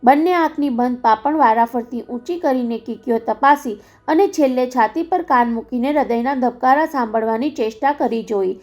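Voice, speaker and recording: High-voiced woman narrating an audiobook. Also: a little mellow. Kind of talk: scripted narration.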